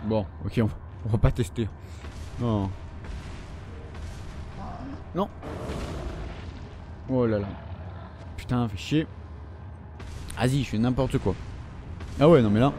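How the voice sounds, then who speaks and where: A man's voice: mid-range voice, slow pace, long pauses, background noise. A young man giving let's play commentary, swearing and taunting the enemies as he plays. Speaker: gaming video host. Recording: faint game gunfire underneath.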